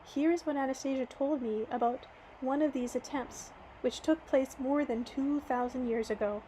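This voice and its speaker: Female audiobook reader, slightly hoarse, high and mellow, earnest measured delivery, faint noise. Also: steady tone, poor audio. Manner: earnest, measured, with occasional restarts. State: hoarse, losing her voice. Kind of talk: reading a book aloud.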